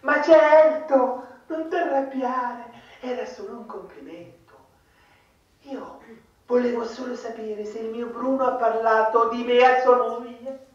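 An actress playing a flirtatious caller in a live stage comedy, with a cooing, flirty manner. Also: female voice, on the high side, fairly even intonation, unhurried, natural voice. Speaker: stage actor. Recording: dull, echoey hall from far off.

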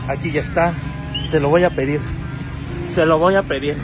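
A man's voice: on the high side, steady tone, normal speed, music in the background, natural voice. A man doing a nervous, whiny, clueless Mexican rich girl. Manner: anxious whiny sighing, self-mocking. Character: nervous clueless young rich woman shopper. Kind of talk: comedy sketch.

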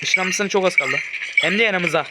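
A man's voice: high voice, a little fast, heavy background noise. A young man from Turkey giving casual, joking commentary on a horror game as he plays, often swearing and yelping at it. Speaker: gaming YouTuber. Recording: loud game music behind the voice.

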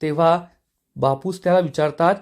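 A man giving a scripted narration that recaps a TV serial episode, telling it in a steady storytelling way. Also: on the high side, normal speed, clean tone.

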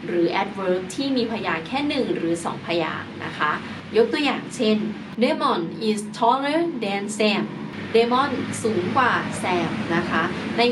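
Female teacher, patient explainer, spells words out; recorded off-mic with audible noise. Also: medium pitch. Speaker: English teacher. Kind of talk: explaining grammar lesson. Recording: distant mic with clear background noise.

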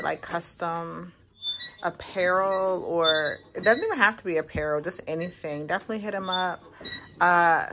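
A woman's voice: on the low side, a little hiss or hum. Chatty woman vlogging from her car. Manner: chatty, relaxed, speaks to viewers as a friend. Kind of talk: casual vlog talk. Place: parked car. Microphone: phone camera at arm's length.

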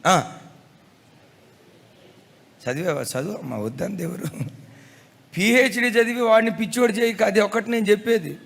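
A man's voice: high voice, lively intonation, normal speed, vocal fry, pauses often, a bit bright. A man, a pastor, preaching a sermon emphatically, repeating key phrases and mixing in folksy humor. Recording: echoey hall reverb.

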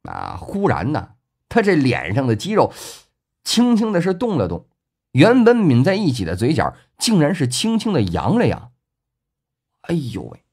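A man narrating a web novel audiobook in a colloquial storyteller style, full of drawn-out filler particles. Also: on the high side, wildly swooping pitch, darkish tone, breathy edge.

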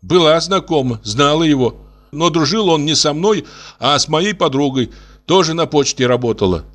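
A man's voice: on the high side, animated, moderate pace, fairly bright tone, voice pushed up. A man putting on a scoffing young mother. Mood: dismissive. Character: young mother, brisk and dismissive.

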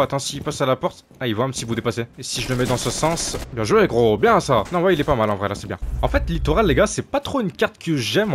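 A young man streaming gameplay, talking casually and excitably to his viewers, swearing and exclaiming often. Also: mid-range voice, slight background noise. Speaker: gaming streamer.

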